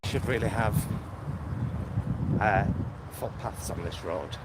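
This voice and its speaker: A middle-aged English vlogger with a Greater Manchester accent and a fairly low voice speaks slowly as he walks along a suburban road filming himself. His casual chat to camera is rambling and slightly camp, full of campy endearments, over loud street and traffic noise.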